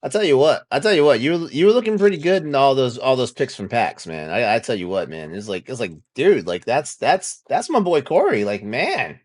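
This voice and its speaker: A man in his forties hosting a casual podcast chat, animated and often restarting his sentences. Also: medium pitch, a little fast, few pauses. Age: 40s. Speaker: podcast host.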